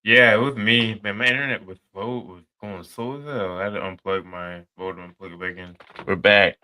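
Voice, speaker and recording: A man's voice: on the low side, steady tone, brisk, pushed and bright. A man co-hosting a casual live podcast, answering in short, offhand remarks. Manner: brief, offhand replies. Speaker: podcast co-host. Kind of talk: casual live-stream chat.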